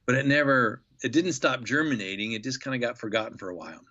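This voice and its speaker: A man in his fifties from Nebraska, a podcast guest telling a travel story with animated enthusiasm. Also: mid-range voice, quick pace, highs cut off. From Nebraska, USA. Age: 50s. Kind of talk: storytelling interview.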